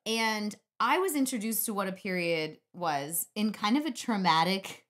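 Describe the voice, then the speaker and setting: A woman's voice: medium pitch, moderate pace. A middle-aged woman co-hosting a podcast, chatting casually and acting out people's voices as she tells stories. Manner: animated storyteller, acts out voices. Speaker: podcast co-host. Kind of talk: casual chat.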